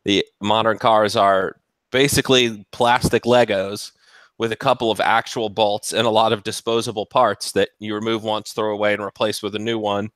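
A man's voice: on the low side, level tone, moderate pace, a bit bright, no echo. A man, a mechanic, talking cars in a casual chat and laughing often. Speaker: mechanic, guest.

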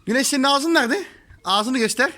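A woman's voice: sits high, expressive, brisk, bright, forceful tone. A woman talking playfully to her toddler in a garden, coaxing her in a sing-song way. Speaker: parent filming her toddler. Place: home garden by a swing.

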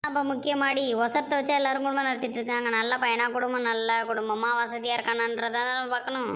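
Lady doing a bossy granny who scolds everyone, rattles it off fast. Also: a little high, little pitch movement, fairly bright tone, natural voice. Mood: scolding. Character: bossy, quarrelsome older grandmother. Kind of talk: comedy skit acting.

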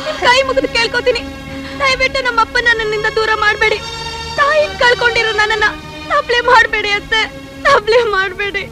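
An actress playing a gentle young woman who begs for her father. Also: very high voice, fast. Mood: pleading. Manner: pleading and tearful. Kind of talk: film dialogue. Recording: film soundtrack with clear music.

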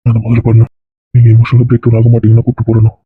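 A man playing a firm, steady man who talks a grieving friend into staying calm. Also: mid-range voice, very fast, husky, no echo, lightly acted. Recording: phone-like dry recording.

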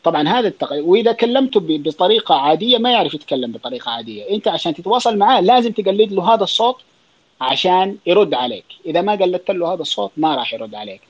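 A man with a Saudi accent, a child psychiatrist, answering listener questions in a relaxed spoken Q&A, explaining with fillers and quick restarts. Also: high voice, husky, muffled recording. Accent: Saudi Arabic. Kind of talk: casual spoken Q&A on an online audio space.

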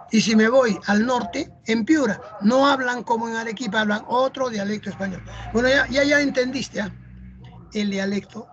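Explaining a lesson, this teacher from Peru chats along in a Peruvian Spanish accent and keeps adding rhetorical "¿no?" and "¿ah?" to lines. It's a mid-range voice on dull audio with a little hiss or hum.

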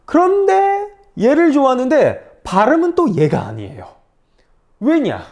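A woman's voice: low voice, mellow. A woman teaching Chinese pronunciation, drilling syllables and tones one by one and explaining with playful asides to her learners. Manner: drills syllables and tones, repeating after each. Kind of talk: pinyin pronunciation lesson.

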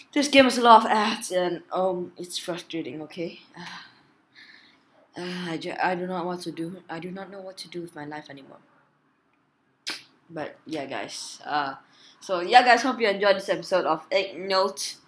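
A woman playing a voice-controlled game, yelling and shrieking at it, then talking in a frustrated way, recorded indoors at a table. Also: fairly low pitch. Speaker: gaming YouTuber. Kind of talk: gaming commentary.

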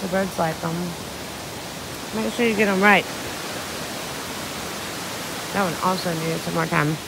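Casual woman vlogger with a gravelly edge, on a phone outdoors with loud waterfall noise. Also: on the low side. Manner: chatty, exclaims at the scenery. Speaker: travel vlogger. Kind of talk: casual walking tour commentary. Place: forest trail by a waterfall, outdoors. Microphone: handheld phone camera. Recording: loud rushing water over the voice.

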